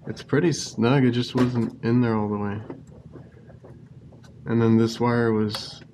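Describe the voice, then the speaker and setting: A man's voice: medium pitch, a little slow, noisy background. A man working as a refrigeration technician, casually explaining each step as he fixes a walk-in cooler, recorded on a head-mounted camera. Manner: relaxed, plain-spoken, explains as he works. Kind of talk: casual on-the-job narration. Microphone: head-mounted action camera.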